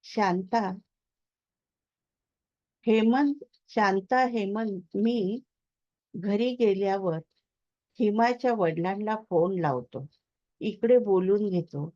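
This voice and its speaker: A woman reading the part of a worried middle-aged father who talks things through earnestly and calmly. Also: medium pitch, slow, long pauses, muffled recording, lightly acted.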